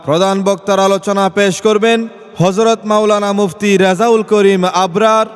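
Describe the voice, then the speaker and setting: A man giving a sung jingle and formal event announcement over a PA loudspeaker, in a melodic, drawn-out manner. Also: high-pitched, steady tone, smooth. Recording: long hall reverb with music.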